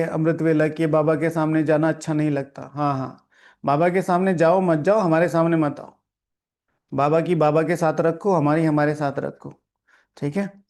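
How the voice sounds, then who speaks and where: High-voiced man giving a stern class sermon. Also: a little mellow. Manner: scolding asides and repeated lines, asking the room questions; often adds "theek hai" as a check-in. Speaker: spiritual teacher reading and explaining the daily lesson. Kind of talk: sermon with explanation to a seated class. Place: meditation hall with a live audience.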